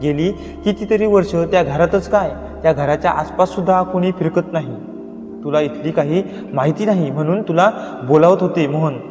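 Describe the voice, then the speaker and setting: A man's voice: a little high, normal speed, a little mellow, lightly acted. A man voicing an older village housekeeper woman, devoted and anxious, speaking in a pleading, rustic way. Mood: fearful warning. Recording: echoey reverberant room, faint music.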